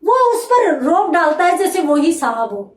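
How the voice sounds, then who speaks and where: A woman's voice: extremely high pitch, sing-song, moderate pace, a little mellow, reverberant, recorded from a distance. A woman Hindi teacher explaining the plot of a one-act play, retelling scenes and acting out lines.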